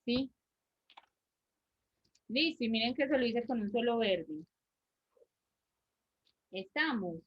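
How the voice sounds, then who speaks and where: A woman's voice: on the high side, expressive, takes it slowly, pauses often, breathy edge. Woman teacher on a muffled video call. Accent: Colombian Spanish, Antioquia. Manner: explains step by step, checks in with frequent "¿sí?" and "¿cierto?". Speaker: drawing teacher. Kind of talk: online class instruction.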